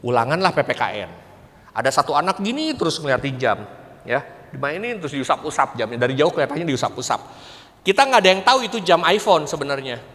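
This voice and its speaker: Animated man speaking in an echoing hall. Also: a little high, quick pace. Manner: animated, acts out parents and students, laughs often. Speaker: parenting seminar speaker, school educator. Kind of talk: lively seminar talk. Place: church hall. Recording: long hall reverb.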